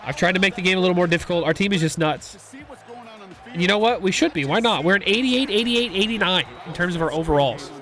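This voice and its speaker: Here a young gaming YouTuber talks fast in a high voice while playing a football video game. His commentary is casual, excitable and rambling, with loud reactions whenever a big play happens.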